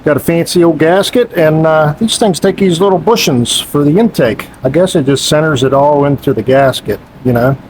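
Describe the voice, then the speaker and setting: A man's voice: on the high side, normal speed, few pauses, darkish tone, slight background noise, poor audio. A man working as a mechanic, chatting casually and joking in a folksy country way while rebuilding an engine in a garage. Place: garage workshop.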